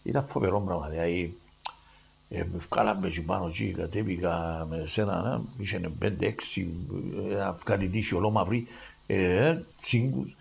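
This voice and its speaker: An older man with a Cypriot Greek accent, a doctor giving a halting spoken testimony with many fillers and restarts. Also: low voice, creaky, slight background noise.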